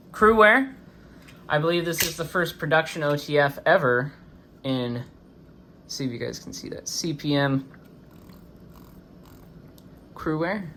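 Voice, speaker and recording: This knife review host has a slightly high, bright voice and a forceful tone as he chats casually about a product. Having just had his wisdom teeth out, his swollen face slightly impedes his words, and slight background noise can be heard.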